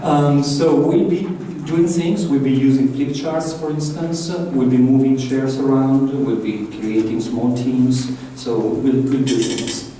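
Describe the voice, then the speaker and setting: In a large conference room full of echo, an Italian man leads a workshop in a relaxed, chatty manner, asking the audience questions in his Italian accent. His mellow, mid-range voice stays steady, a little slow, with hardly any pauses. The distant recording has faint hiss.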